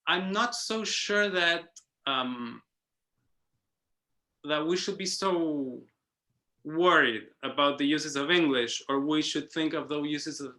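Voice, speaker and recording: A man with a fairly high, pushed, bright voice speaks as a guest in an academic round-table on an online call. He thinks aloud hesitantly, restarting often and tagging a questioning "no?" onto his remarks.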